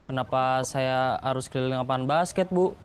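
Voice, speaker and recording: Deep, meek schoolboy. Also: female voice, normal speed, clean tone. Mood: meek apologetic. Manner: meek, hesitant, mumbling apologies. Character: timid, apologetic schoolboy who is always late. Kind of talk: classroom role-play.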